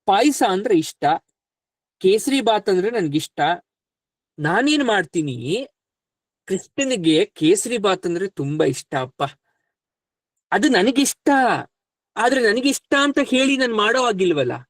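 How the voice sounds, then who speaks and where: A man voicing Krishna as a calm divine counselor who reasons and rebukes steadily. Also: sits high, a little slow, long pauses, no echo. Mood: chiding.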